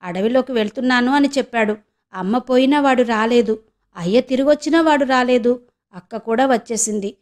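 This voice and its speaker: A woman's voice: on the high side, a little fast, close to an everyday voice. A woman voicing a young village woman who is searching for her lost brother, speaking earnestly and pleadingly in an audiobook. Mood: subdued.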